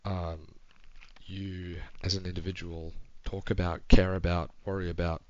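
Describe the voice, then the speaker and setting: Young male vlogger, very low voice, hushed late-night monologue, halting and reflective, slightly muffled recording. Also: no room sound. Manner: hushed, near-whispering delivery; thinking aloud, pausing and restarting. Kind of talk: late-night solo ramble. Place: home at night.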